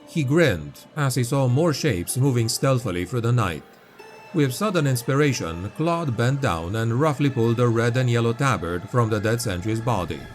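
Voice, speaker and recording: Over background music, a man with a mid-range voice narrates a grimdark fantasy audiobook. His storytelling is grave, dark and dramatic.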